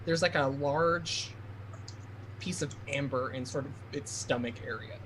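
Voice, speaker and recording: Male game master, mid-pitched, faint noise. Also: measured pace. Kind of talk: narrating a tabletop game.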